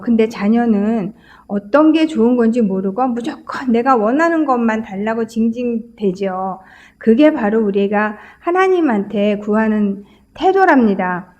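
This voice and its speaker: Higher-voiced woman pastor preaching conversationally. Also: expressive, a little slow, darkish tone. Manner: conversational storytelling with frequent 'uh' fillers. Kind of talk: sermon.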